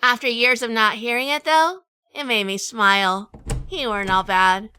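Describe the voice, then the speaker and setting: A woman plays a wry, world-weary detective in a hardboiled noir radio drama, delivering narration and dialogue dryly and sardonically with a wry, fond mood. Her fairly high voice is steady and sharp at normal speed, with a little hiss or hum in the recording.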